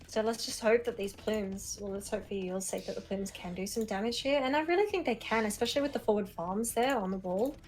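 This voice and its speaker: A woman's voice: medium pitch, a little fast, few pauses, darkish tone, soft background music. A woman co-casts a strategy match on a live stream, calling the action in an upbeat, playful way. She laughs often and keeps the energy friendly as she reads the game. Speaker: esports co-caster.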